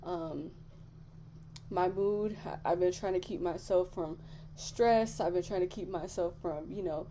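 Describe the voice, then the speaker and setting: Chatty young woman, mellow voice. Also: on the low side, a little slow, slight background noise. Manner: chatty, candid, talks straight to viewers with many fillers. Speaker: vlogger. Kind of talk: casual chat.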